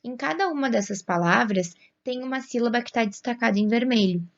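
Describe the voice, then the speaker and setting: A woman's voice: medium pitch, darkish tone, highs cut off. A woman teacher with a Brazilian Portuguese accent, patiently explaining a grammar lesson and stretching out example words. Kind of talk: classroom explanation.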